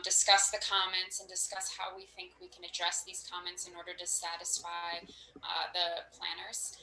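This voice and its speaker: Brief: woman on a conference call line, bright, roomy echo, faint hiss, even, calm explainer. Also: mid-range voice. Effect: conference call audio. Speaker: planning staff at a design firm. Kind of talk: explaining a permit process on a video call.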